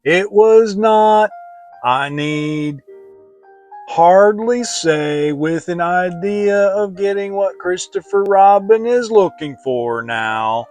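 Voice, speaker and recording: A man voicing a gloomy old donkey in a children's storybook, speaking slowly and with drawn-out self-importance. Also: high voice, animated, darkish tone, faint music behind, voice pushed up. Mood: pompous, mournful. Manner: slow, drawn-out, pompous. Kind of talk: dramatic children's storybook reading.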